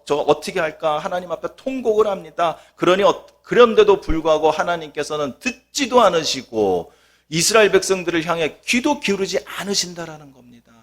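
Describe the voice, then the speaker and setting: A pastor delivers a sermon in a somewhat high male voice. He is dramatic, pushing phrases out loudly and then dropping to a near-whisper. He keeps asking the congregation questions. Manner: dramatic, swings from loud emphasis to hushed near-whisper.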